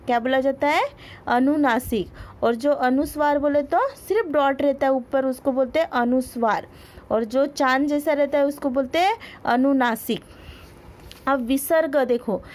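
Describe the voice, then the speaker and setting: A woman teaching a school grammar lesson. She asks questions and answers them herself, repeats key words and stretches out her examples. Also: sits high.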